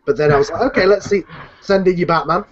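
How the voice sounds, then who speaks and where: A crowd can be heard behind this high-pitched man as he quickly hosts an online cast chat on a group video call. He rambles casually and corrects himself as he goes, all through dull, lo-fi call audio.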